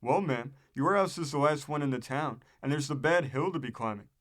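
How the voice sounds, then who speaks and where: A man's voice: fairly high pitch, fairly quick, lightly acted. Man reading as a polite, stubborn old-time cabbie. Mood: polite, firm. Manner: deferential but firm. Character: polite, stubborn male cab driver of the 1890s.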